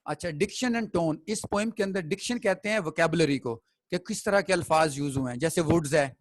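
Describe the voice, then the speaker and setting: A man's voice: on the high side, normal speed, dry recording, poor audio. A man teaching a classroom poetry lesson. He explains step by step and keeps checking that the students follow.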